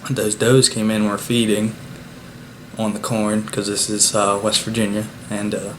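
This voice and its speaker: Low, flat-voiced man recapping a hunt. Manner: relaxed, unhurried, many "uh" fillers. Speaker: bowhunter and channel host. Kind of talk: casual hunting vlog talk. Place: at home after the hunt. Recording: steady background noise.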